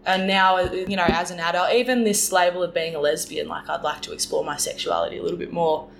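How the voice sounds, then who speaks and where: A woman's voice: on the low side, fairly even intonation, fast talker, gravelly, slight background noise, low-quality recording. A 24-year-old woman, a podcast guest, telling her story candidly with a chatty flow full of "like, you know.".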